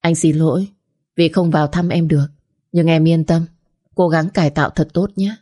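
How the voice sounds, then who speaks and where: A woman's voice: sits low, dark tone. A woman voicing a young man's letter, earnest and encouraging. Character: young man writing a loving letter.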